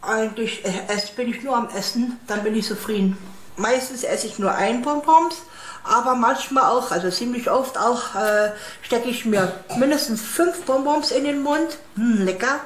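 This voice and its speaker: A woman describing herself casually to camera in a matter-of-fact, deadpan way. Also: fairly high pitch, normal speed. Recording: echoey clip, faint background noise.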